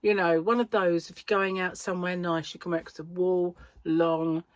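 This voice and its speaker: A woman's voice: on the low side, little pitch movement, normal speed, no echo. A British woman chatting casually and self-deprecatingly in a rambling vlog, with a slight speech impediment that occasionally blurs her words. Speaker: crochet vlogger and yarn shop owner.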